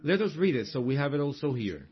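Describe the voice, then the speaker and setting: A man delivers a sermon, reading and explaining passages from a book of quotations. He speaks deliberately, circling back to the same phrases for emphasis and tossing in short asides. The recording sounds somewhat dull and lo-fi. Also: medium pitch, very animated. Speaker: preacher.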